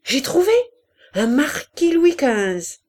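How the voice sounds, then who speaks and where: A woman's voice: a little high, big pitch swings, measured pace, darkish tone, voice pushed up. A woman voicing a self-assured man of fashion in an audiobook, triumphant and insistent.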